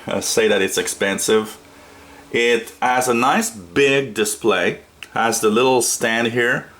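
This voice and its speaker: In a small indoor room at a radio desk, a Canadian man who's into shortwave radio gives a casual, unplanned product tutorial, rambling and hesitant. His voice is medium in pitch with a fairly bright tone.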